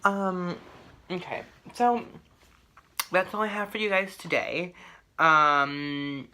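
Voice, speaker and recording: A teenage vlogger talks through a mukbang at an unhurried, drawn-out pace. The tone is sharp and bright, with a sassy, melodramatic edge that swings into mock-complaining. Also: medium pitch, steady tone, a little hiss or hum. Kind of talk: casual mukbang vlog chat.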